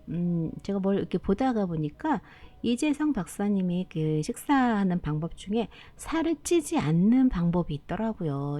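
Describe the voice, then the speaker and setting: A woman's voice: lowish voice, dark tone. A middle-aged woman hosting a casual live stream, talking motherly to viewers as her children and laughing often.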